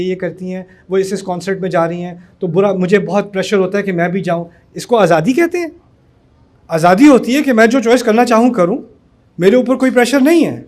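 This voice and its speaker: A man's voice: extremely high pitch, a little mellow. A middle-aged man from Pakistan giving a conversational motivational talk to university students, telling stories and mixing in English words. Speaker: speaker addressing university students.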